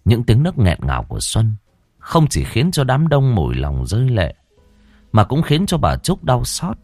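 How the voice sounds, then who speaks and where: A man's voice: medium pitch, huge pitch swings, moderate pace, no echo. Solemn, dramatic male storyteller. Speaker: narrator. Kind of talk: scripted audiobook narration. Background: soft background music.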